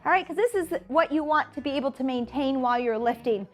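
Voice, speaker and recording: A fitness instructor counts and cues exercises to camera in a high-pitched, animated, fast voice. She is chatty and encouraging, tosses in self-deprecating asides, and her nose sounds a little stuffed up.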